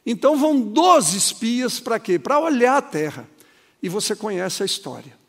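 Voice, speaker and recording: Brief: male pastor, dramatic sermon storytelling, husky high voice, hall reverb. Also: big pitch swings, normal speed.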